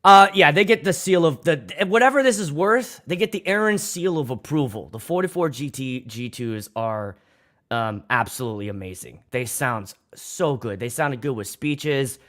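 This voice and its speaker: Animated and a bit bright, his medium-pitched voice moves at a moderate pace as he hosts a casual DJ livestream. The young man is from Pittsburgh, USA, with the accent to match, and he rambles, curses freely and restarts his lines.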